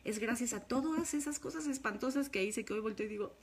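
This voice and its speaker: A woman's voice: a little high, fairly quick, a little hiss or hum. A woman with a Mexican accent, a spiritual course leader, speaking to her viewers in a frank, emphatic confessional monologue.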